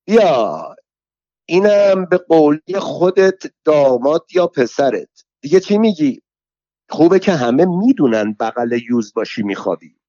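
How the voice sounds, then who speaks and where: A man doing a scornful woman in a storybook quarrel, voice pushed high and sneering. The sound is dull and dry, as from a close, muffled recording. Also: sing-song, dark tone, no echo. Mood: taunting. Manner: taunting, jeering. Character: mocking sharp-tongued rival woman.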